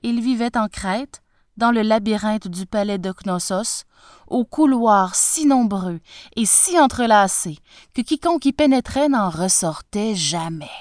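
A woman narrating a myth as a storybook reading, measured and expressive. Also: medium pitch, dry recording, clean studio sound.

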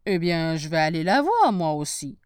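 A sly, hungry big bad wolf from a storybook, as a woman puts him on, drawing out each menacing line slowly. The voice is dry and close, with no room sound, and it swings about in pitch. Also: big pitch swings, clear, resonant tone, dry recording.

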